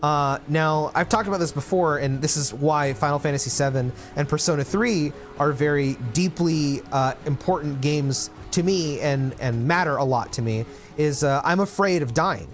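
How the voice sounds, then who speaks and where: A man's voice: a little high, moderate pace, faint music behind. A man in his late twenties talking casually to his livestream chat, reflective and rambling with many fillers and restarts. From Philippines. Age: 20s. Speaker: streamer.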